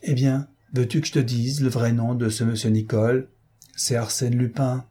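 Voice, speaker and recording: A raging politician bellows and sneers through a read-aloud story, put on by a man. His voice climbs sharply and grows loud in his outbursts. Underneath, the tone stays mellow and a little husky. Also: mid-range voice, flat delivery, moderate pace, lightly acted. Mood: mocking. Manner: blustering, shouting insults. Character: gruff furious male politician, brutal.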